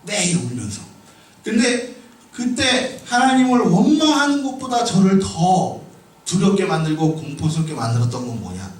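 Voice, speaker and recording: A man preaching a sermon with personal testimony, moving from quiet storytelling to shouted emphasis. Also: high voice, very animated, moderate pace. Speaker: pastor. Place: church sanctuary. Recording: echoey hall from far off.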